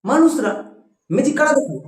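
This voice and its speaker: A teacher giving a spelling and pronunciation lesson, patient and repeating words slowly for students. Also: high-pitched, sing-song, heavy reverb, far from the mic, a little hiss or hum, rough recording.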